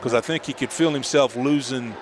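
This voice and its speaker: A man, a coach giving color commentary on wrestling, who talks in a halting, agreeable way. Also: medium pitch, background noise. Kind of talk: high school wrestling commentary. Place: school gym.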